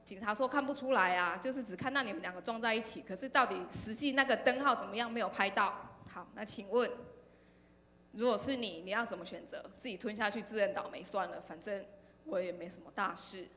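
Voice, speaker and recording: A woman with a Taiwanese Mandarin accent gives an animated testimony to a youth congregation, often pausing on "然后呢" and turning questions to her listeners. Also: medium pitch. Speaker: speaker sharing a testimony at a youth service. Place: church hall. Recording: echoey hall, faint background noise.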